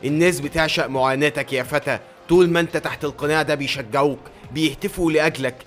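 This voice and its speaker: A man's voice: on the high side, steady tone, quick pace, fairly bright tone, faint music behind, close to an everyday voice. A man with an Egyptian Arabic accent voicing an arrogant, mocking villain from the future who owns the heroes. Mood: smug. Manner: smug, mocking and condescending. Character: arrogant male time-travelling tycoon villain, gloating.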